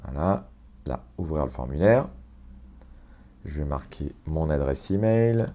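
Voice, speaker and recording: A man walking through a software automation on screen, explaining step by step with fillers and self-corrections. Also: a bass voice, lively intonation, a little slow. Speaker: tutorial presenter. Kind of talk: screen-share software walkthrough.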